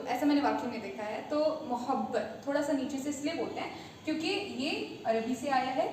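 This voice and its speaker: A woman's voice: high voice, darkish tone. A woman teaching a patient beginner language lesson, repeating each letter name step by step. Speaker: Urdu teacher. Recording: echoey room from a distance with faint noise.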